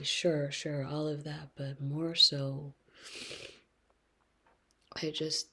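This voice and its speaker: Slow, husky-voiced young woman. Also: low voice. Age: 20s. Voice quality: husky, often dropping to a whisper. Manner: slow, reflective, hesitant, with soft laughs. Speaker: vlogger. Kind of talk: personal video diary.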